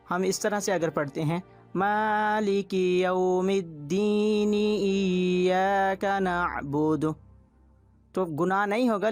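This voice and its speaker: A man teaching Quran recitation rules step by step, patient and repetitive in his explaining. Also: high voice.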